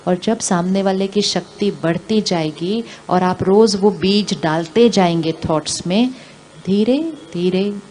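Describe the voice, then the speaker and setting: Woman, spiritual teacher, calm and gentle talk, asks the audience questions, repeats phrases slowly, mid pitch, faint background noise.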